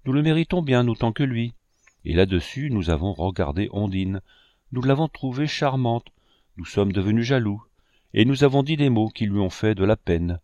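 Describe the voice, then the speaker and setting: A man's voice: fairly low pitch, animated, normal speed, a little mellow, no echo, natural voice. A man reading aloud, voicing a candid young male painter who confesses openly. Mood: remorseful. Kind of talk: audiobook reading.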